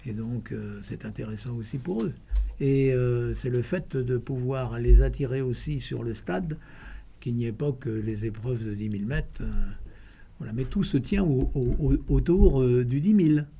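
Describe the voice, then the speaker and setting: A man giving informal interview answers, telling stories in a halting way with repeated words. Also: medium pitch, creaky, mellow, husky. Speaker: president of a running club, interviewee.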